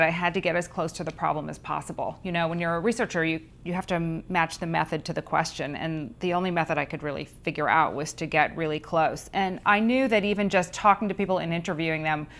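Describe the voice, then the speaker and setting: A middle-aged woman who works as a researcher and author answers interview questions thoughtfully and in a measured way, often saying "um." Her voice is lowish and a bit bright.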